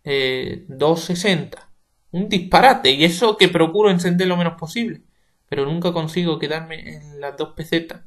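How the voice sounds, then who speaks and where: Hombre leyendo a vecina tímida y beata. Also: male voice, fairly high pitch, normal speed, fairly bright tone, natural voice. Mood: meek. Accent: Spain Spanish. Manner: meek, complaining, pious. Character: timid pious middle-aged neighbor woman.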